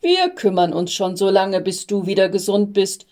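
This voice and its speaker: A woman voicing a patient male archangel in a storybook reading, with a calm, measured, reassuring manner. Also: mid-range voice, lightly acted.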